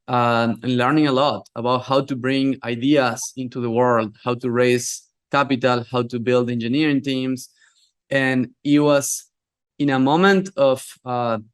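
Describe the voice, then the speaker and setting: Founder guest, man, clear smooth tone, relaxed storyteller. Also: medium pitch. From Argentina. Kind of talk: interview storytelling.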